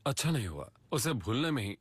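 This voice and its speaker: Man with a lively, confident voice. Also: medium pitch, fairly quick, slightly rough, no echo. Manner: reassuring, confident. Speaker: father of the groom. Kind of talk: dubbed film dialogue.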